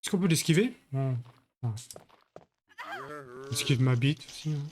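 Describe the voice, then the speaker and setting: A man's voice: fairly high pitch, animated, measured pace, slight background noise. A man streaming a video game live, chatting with his viewers in crude, joking banter. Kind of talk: live-stream gaming commentary.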